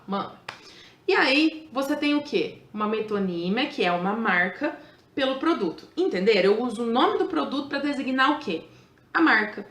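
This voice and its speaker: A woman's voice: fairly high pitch, a bit bright, echoey room. A middle-aged woman teaching a chatty grammar lesson, playful and joking, checking in with her students all the time. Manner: playful, asks the class constantly and jokes aside.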